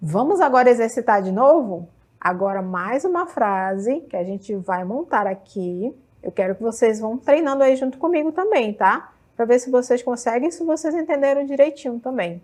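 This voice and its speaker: A woman English teacher with a Brazilian Portuguese accent, explaining grammar step by step in a televised lesson and reading English examples slowly. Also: fairly high pitch, animated, darkish tone. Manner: patient, explains step by step with frequent checks like "tudo bem?".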